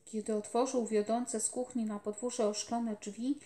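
A woman reading a children's novel aloud at a calm, steady storytelling pace, recorded in an echoey room. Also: on the high side, normal speed. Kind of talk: audiobook narration. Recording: roomy echoey home recording.

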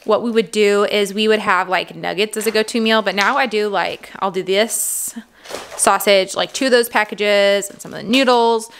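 Chatty mom showing a grocery haul. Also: female voice, mid-range voice, steady tone, moderate pace, fairly bright tone, a little hiss or hum. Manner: chatty, many fillers and small laughs. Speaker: vlog host, mother of a large family. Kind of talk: casual grocery haul chat. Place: indoors at a home table.

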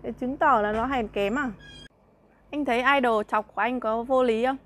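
A young woman vlogger rants at a rival in a high, piercing voice. She mocks and scorns him, breaks into laughter between jabs and keeps firing rhetorical questions. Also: fairly even intonation, moderate pace. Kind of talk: heated monologue addressing a rival.

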